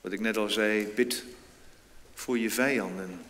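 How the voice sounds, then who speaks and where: A male pastor preaching a sermon in a church, slow and deliberate, with sudden emphatic rises in pitch and volume. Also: fairly even intonation, a bit bright. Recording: long church reverb, faint noise.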